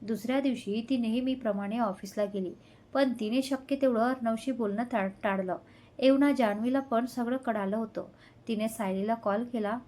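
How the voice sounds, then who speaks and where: A woman storyteller giving scripted, expressive narration of a romance. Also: on the high side, normal speed.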